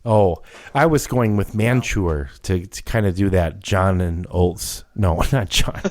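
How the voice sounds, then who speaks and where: A man's voice: low voice, a little slow, dry recording. A man co-hosting a podcast, jokey and playfully confused, rambling through his points in casual chat. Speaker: podcast co-host.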